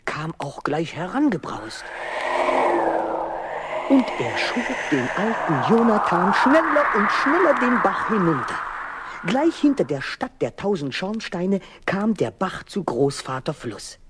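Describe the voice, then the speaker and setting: A man narrating a children's fairy tale with vivid, expressive emphasis. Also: high voice, unhurried, heavy background noise. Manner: lebhaft betonend, malerisch erzählend. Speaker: Erzähler. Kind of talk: Märchenerzählung für Kinder.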